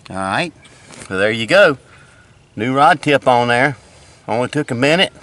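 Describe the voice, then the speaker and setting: A man's voice: medium pitch, expressive, a little slow, fairly bright tone. An older retired man, chatting casually in a folksy, plain-spoken way as he fishes and demonstrates things outdoors by a lake. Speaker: fishing vlogger.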